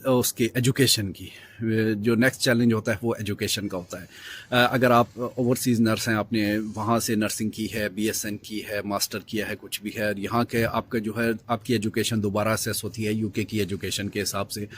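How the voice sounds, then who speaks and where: A man's voice: on the low side, a little hiss or hum. A man casually talking through advice for overseas health workers, with frequent fillers and English words mixed in. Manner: relaxed, mixes in English words, many "jo hai" fillers.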